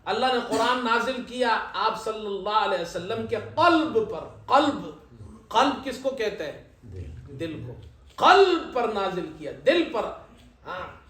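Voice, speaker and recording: A man preaching a sermon as imam, telling light humorous stories and reciting scripture slowly. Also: high-pitched, expressive, pushed and bright. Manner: humorous storytelling, slow chanted Arabic recitation. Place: event hall at a ceremony. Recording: echoey hall.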